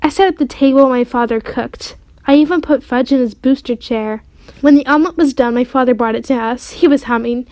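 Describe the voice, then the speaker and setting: A woman reading a children's chapter book aloud with expressive storytelling. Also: high voice, brisk, dry recording. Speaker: audiobook reader.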